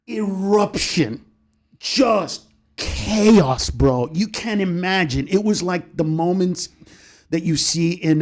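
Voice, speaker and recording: A middle-aged male comedian, a podcast guest, telling a story in a rapid, profane way and acting out the voices in it. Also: fairly high pitch, a little mellow. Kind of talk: animated storytelling in a podcast chat.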